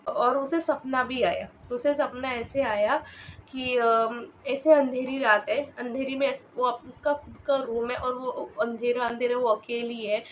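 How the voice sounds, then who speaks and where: A woman casually telling a horror story, her speech hesitant and full of fillers and restarts. Her voice sits a little high. Faint background noise is heard. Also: fairly even intonation, unhurried, rough recording.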